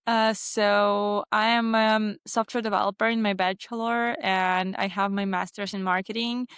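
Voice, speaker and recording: Ukrainian-accented woman, smooth dry voice. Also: mid-range voice, flat delivery, normal speed, a bit bright, dry recording. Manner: non-native phrasing with frequent restarts. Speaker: guest, agency founder. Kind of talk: casual interview answers.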